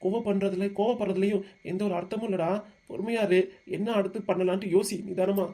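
A man's voice: sits high, fairly quick. A man voicing a patient old grandfather. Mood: soothing. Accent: southern Tamil. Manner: steady, coaxing and patient. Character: calm elderly grandfather, soothing his angry son.

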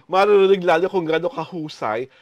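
A man's voice: high voice, brisk, a crowd in the background. A man hosting a showbiz talk show, chatting casually in a gushing, playful way as he heaps praise. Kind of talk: casual showbiz chat in Taglish.

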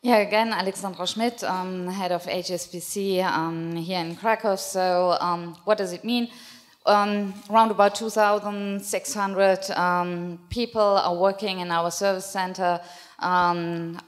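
A woman's voice: on the low side, fairly even intonation. German-accented woman in a reverberant hall. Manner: halting, many ums. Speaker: panelist. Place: conference hall with audience. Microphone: handheld microphone. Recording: long reverb in a conference hall.

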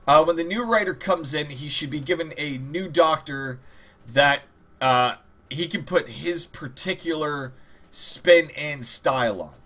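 Over game music, this gaming video host talks a little slowly in a slightly high voice that sounds pushed and bright. He rambles through casual gameplay commentary, joking, swearing a lot and throwing in mock-dramatic asides.

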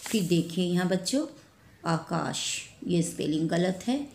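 A woman teaching a spelling lesson to children, repeating each word slowly and correcting mistakes one by one. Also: lowish voice, animated, darkish tone. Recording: echoey room with faint ambient noise.

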